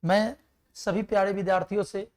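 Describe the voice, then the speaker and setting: A man's voice: sits high, level tone, a little fast, darkish tone. A man teaching an exam-prep math lesson, explaining step by step, asking questions and answering them himself, and reciting numbers and tables aloud.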